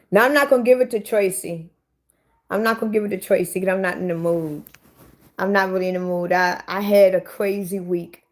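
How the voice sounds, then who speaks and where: A woman in her forties chatting live with her viewers, bluntly and profanely talking back to commenters. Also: medium pitch. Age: 40s. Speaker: livestream host. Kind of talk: casual livestream chat with viewers.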